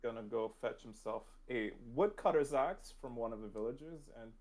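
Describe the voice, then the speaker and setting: A man's voice: mid-range voice, moderate pace, a little mellow. A man bantering casually as a player during a tabletop role-playing session.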